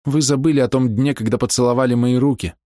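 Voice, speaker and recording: A man's voice: mid-range voice, steady tone, fast talker, dark tone, no echo, clean studio sound, voice pushed up, lightly acted. A man voicing a lonely, self-doubting woman of forty who pleads tearfully in an audiobook reading.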